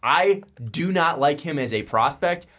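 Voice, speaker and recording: A young man hosting a casual sports podcast, blunt and quick to laugh, with many fillers. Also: a little high, animated, a bit bright. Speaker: podcast host.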